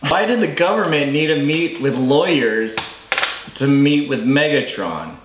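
A man's voice: a little high, animated, unhurried. A tipsy man in his thirties co-hosting a comedic movie review, posing questions. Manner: tipsy from drinking during the review. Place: small indoor bar-style set with brick wall. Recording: echoey room, clearly noisy background.

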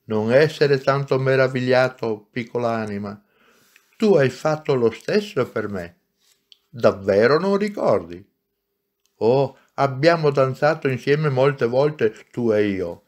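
A man reading aloud and voicing a gentle, patient spirit who speaks calmly and gravely. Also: mid-range voice. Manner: calm, grave and slow. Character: gentle wise friendly soul, male, patient.

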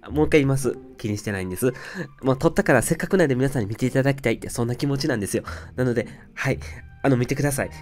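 A man's voice: medium pitch, racing, darkish tone. A man from Osaka, a flight attendant vlogger, narrating in a humble, very polite voice-over. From Osaka, Japan. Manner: humble, very polite, self-deprecating. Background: faint music.

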